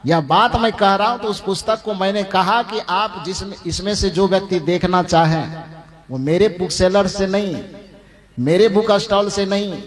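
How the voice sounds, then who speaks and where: A male preacher with a notably high-pitched voice delivers a devotional discourse. He poses questions to his listeners and answers them himself. He stretches out key names for emphasis and chuckles often as he talks. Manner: slows down to stress names; chuckles often while speaking. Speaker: religious preacher.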